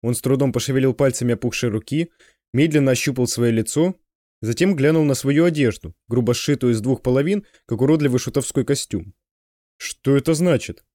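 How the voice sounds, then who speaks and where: A man narrating an audiobook with expressive storytelling. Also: mid-range voice, a little fast, dry recording. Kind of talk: scripted narration.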